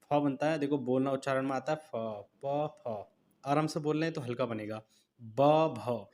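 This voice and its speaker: Man slowly teaching shorthand strokes. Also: mid-range voice, darkish tone. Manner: slow, repetitive dictation of strokes while writing. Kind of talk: step-by-step writing lesson.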